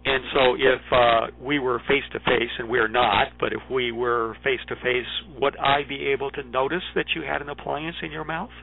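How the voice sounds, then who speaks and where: A man's voice: mid-range voice, steady tone, normal speed, few pauses. A man conducting a conversational interview over the phone. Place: phone call. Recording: narrow phone line with clear hum.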